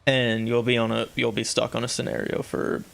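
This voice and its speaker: A young man with a gravelly, creaky voice chats at a home gaming setup, rambling and correcting himself mid-sentence. His pitch sits in an ordinary middle range. Faint music plays behind him. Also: completely flat delivery, fairly quick, a bit bright. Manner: rambling, self-correcting, chatty. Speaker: streamer playing an aim trainer. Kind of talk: casual gaming commentary.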